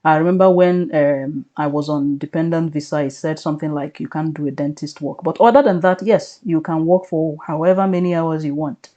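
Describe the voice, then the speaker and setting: Casual adviser, mellow and reassuring, explains step by step, slightly lo-fi recording. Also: medium pitch, brisk, hardly any pauses. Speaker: vlogger advising on living and studying in the UK. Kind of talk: casual explanatory advice to camera.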